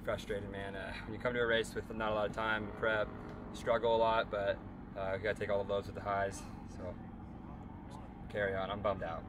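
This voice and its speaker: A young man talks casually into a handheld camera outdoors, his voice weak and pained, slangy and a bit dejected. Steady outdoor noise and passing vehicles sit clearly behind him. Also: lowish voice, a little fast. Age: young adult. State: in pain and weak. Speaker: motocross racer and vlogger. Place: outdoor race pits by trucks and trailers. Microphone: handheld camera at arm's length.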